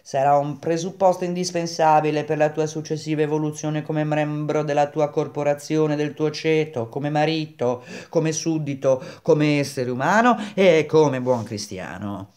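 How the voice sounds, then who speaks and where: Man playing a grumpy older perfumer, loud and mocking, lectures like a stern boss, storybook reading. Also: fairly high pitch, moderate pace, few pauses, close to an everyday voice. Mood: stern, lecturing. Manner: mocking, bellowing. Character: aging male perfumer, scornful and blustering.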